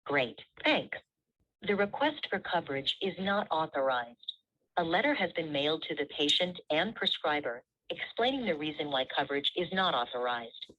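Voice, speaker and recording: A woman's voice on a recorded automated phone menu, heard over a speakerphone, reading prompts in a measured, polite way. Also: deep voice, sing-song, fairly bright tone. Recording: muffled speakerphone audio.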